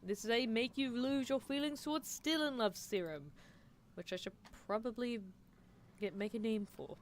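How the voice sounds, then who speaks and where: Slightly high and moderately paced, this woman's voice carries a bit of background noise. As a streamer performing character roleplay, she improvises an ASMR scene as a possessive, scheming anime mad scientist, grumbling with theatrical exasperation.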